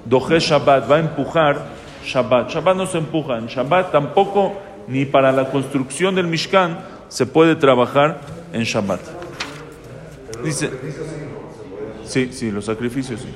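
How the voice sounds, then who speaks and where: Rabbi teaching in a reverberant hall. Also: male voice, mid-range voice, unhurried. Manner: chants Hebrew verses, then translates and explains them; asks and answers his own rhetorical questions. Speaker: rabbi teaching a Torah class. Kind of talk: religious lesson to a live audience.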